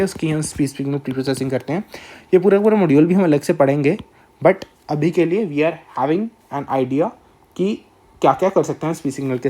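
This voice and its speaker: A man with an Indian accent giving a recorded lecture, speaking slowly and deliberately, often pausing to check in with listeners. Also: a little high, dark tone. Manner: slow, measured, with frequent filler checks.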